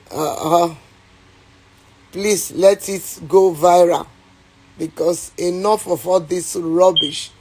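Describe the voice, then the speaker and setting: A woman with a Nigerian accent goes live on her phone with an angry rant. She talks slowly, circles back over the same phrases, and pleads with viewers between bursts of heat. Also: fairly low pitch, dark tone, slightly rough. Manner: repetitive, pleading, heated, mixes in Yoruba. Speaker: actress on a livestream.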